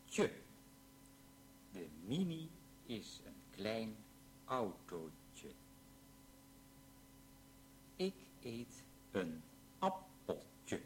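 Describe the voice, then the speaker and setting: Slow, careful man reading drills. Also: on the low side, big pitch swings, slight background noise. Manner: slow, carefully pronounced sentences. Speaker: language teacher reading examples. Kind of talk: slow read-aloud language drill.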